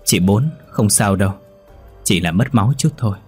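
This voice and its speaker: A man voicing an older village healer giving gentle, stern advice. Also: lowish voice, normal speed, husky, faint music behind.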